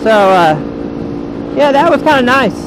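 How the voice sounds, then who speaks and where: A man's voice: very high voice, animated, measured pace. An American man rambling casually to viewers from inside a motorcycle helmet as he rides and vlogs. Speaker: motovlogger. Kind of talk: casual rambling vlog while riding a motorcycle. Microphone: helmet microphone. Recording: loud engine and wind noise, helmet mic.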